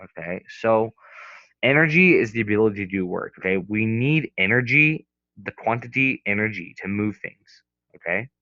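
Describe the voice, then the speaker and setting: A man's voice: fairly low pitch, lively intonation, normal speed, sharp tone, dry recording. A young man tutoring a physics lesson in a casual, hesitant way, rambling with many restarts and fillers. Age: young adult. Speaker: student tutor. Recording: dull, lo-fi sound.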